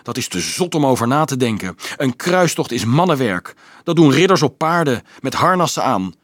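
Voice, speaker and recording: A man reading an audiobook, voicing a teenage boy who is upset and bewildered, asking high, urgent questions. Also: very animated, normal speed, fairly bright tone, dry recording, clean studio sound. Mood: disbelieving.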